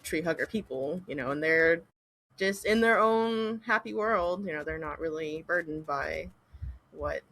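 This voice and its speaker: A woman's voice: low-pitched, a little slow, a bit bright, low-quality recording. A woman in a casual group conversation, speaking in a wry, thoughtful way. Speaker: medium in group session.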